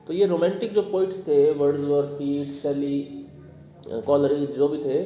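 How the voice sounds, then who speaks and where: Male teacher, fairly high mellow voice, echoey classroom. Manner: explains patiently, quizzes the class with questions. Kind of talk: classroom lecture. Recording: echoey classroom with long reverb.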